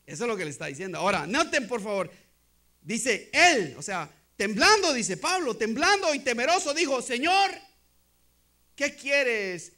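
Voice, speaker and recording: A man's voice: extremely high pitch, very animated, normal speed, sharp tone. A man preaching a sermon as pastor, often checking in with the congregation and restarting his sentences.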